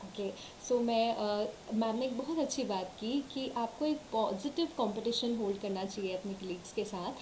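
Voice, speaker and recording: A woman's voice: fairly high pitch, normal speed, few pauses, a little mellow, rough recording. A woman interviewer asking polite, respectful questions and addressing the guest as ma'am. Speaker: interviewer, host. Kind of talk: polite interview questions in Hindi mixed with English. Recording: faint hiss behind the voice.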